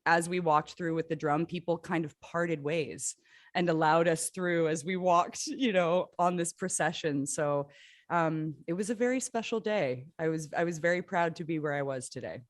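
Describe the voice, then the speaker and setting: A woman talking as a podcast guest, laughing often and speaking earnestly and warmly about her experiences. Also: low voice, moderate pace, dry recording, clean studio sound. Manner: laughs often, earnest and heartfelt when recounting. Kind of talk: casual chat and personal storytelling. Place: Hamilton, Ontario.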